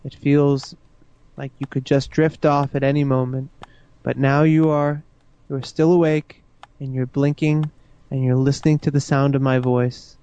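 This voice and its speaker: In a slow, soothing, repetitive guided hypnosis induction, a man talks the listener into hypnotic sleep. His smooth, mellow voice stays low and even, and the recording has a dull, lo-fi sound.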